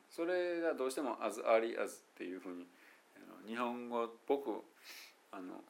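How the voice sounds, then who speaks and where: A man with a Kansai Japanese accent giving a casual, chatty English pronunciation lesson, slowly sounding out English words to demonstrate them. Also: mid-range voice, gravelly. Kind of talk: casual solo lesson talk.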